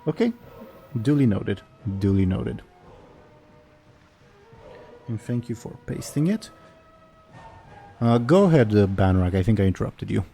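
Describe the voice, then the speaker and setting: A man's voice: on the low side, big pitch swings, moderate pace, gravelly, pauses often, mellow, soft background music. A man running a tabletop role-playing game as game master, narrating casually and putting questions to the players.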